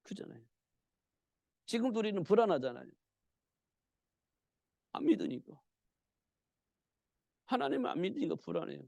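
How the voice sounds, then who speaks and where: A man's voice: high-pitched, very animated, normal speed, vocal fry, long pauses, warm tone, no echo. A man preaching a midweek church sermon, talking to the congregation in a conversational way and asking rhetorical questions that he then answers himself. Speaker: pastor.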